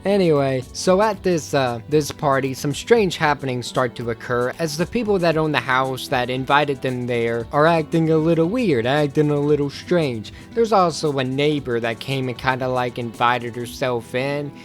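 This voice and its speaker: A man giving a casual, rambling movie review, excitable and joking, often cutting himself off and laughing. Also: mid-range voice, normal speed, hardly any pauses, faint music behind.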